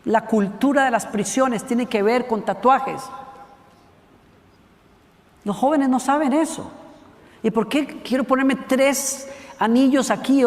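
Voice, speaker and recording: A man preaching a sermon as a pastor, telling a Bible story in an animated way and acting out the voices of its characters. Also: very high voice, in a large hall. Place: church sanctuary.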